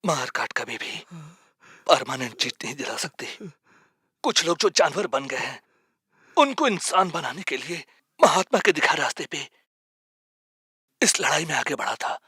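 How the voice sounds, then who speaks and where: A man voicing a nonviolent hero who appeals calmly for peace. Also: fairly high pitch, moderate pace, long pauses, husky, dry recording, clean studio sound, heavily acted. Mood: appealing. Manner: calm, appealing. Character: nonviolent male hero on hunger strike. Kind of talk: Hindi film dub.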